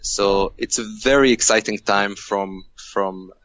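A man from Hungary, a guest on a podcast interview, speaking in a measured way with many fillers and restarts. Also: on the low side, steady tone, a bit bright, no room sound, highs cut off. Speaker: guest, venture co-founder.

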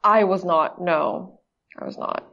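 A woman from Japan, a company co-founder, chatting as an interview guest, laughing easily and pausing on fillers. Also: on the low side, big pitch swings, creaky, pushed and bright. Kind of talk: casual interview chat. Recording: slightly dull, lo-fi.

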